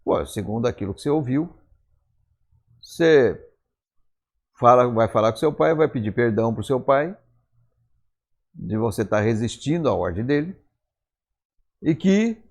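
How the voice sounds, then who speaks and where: Gravelly-voiced Brazilian preacher telling stories. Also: male voice, medium pitch, lively intonation, measured pace, pauses often, a little mellow. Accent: Brazilian Portuguese. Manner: conversational, acts out quoted dialogue. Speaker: pastor. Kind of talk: storytelling sermon. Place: church.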